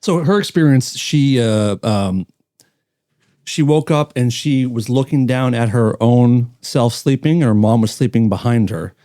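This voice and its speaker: Male podcast host, mellow and dry, relaxed and halting. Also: medium pitch, no room sound. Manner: relaxed, hesitant, lots of fillers. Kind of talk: casual interview talk.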